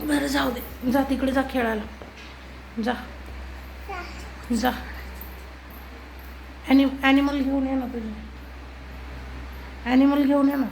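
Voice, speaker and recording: A woman with a high, bright-pitched voice speaks slowly and patiently, coaxing a toddler. She repeats each instruction gently and keeps nudging the child along. She records on a phone at home. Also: steady tone, vocal fry, a little hiss or hum, rough recording. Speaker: parent filming a toddler. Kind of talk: coaxing a small child on camera. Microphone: phone camera.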